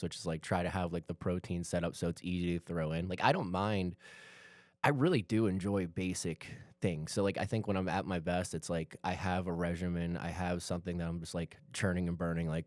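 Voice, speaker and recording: Deep-voiced laughing guy in casual chat. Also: a little mellow, no room sound. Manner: laughing, self-mocking, loose. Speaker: podcast co-host.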